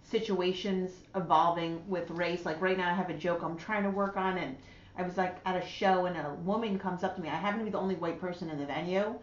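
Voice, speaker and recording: A woman hosting a podcast in a casual, rambling way, stringing her thoughts together with constant "like"s. Her voice sits at a middle pitch. It sounds roomy and a bit dull, as if recorded on a lo-fi mic. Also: steady tone, a little fast. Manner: rambling, heavy with "like" fillers. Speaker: podcast host.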